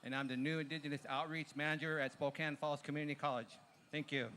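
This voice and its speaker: A man's voice: fairly high pitch, fairly even intonation, fast, bright, forceful tone. A man, a military veteran, giving a brief formal self-introduction. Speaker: college outreach manager.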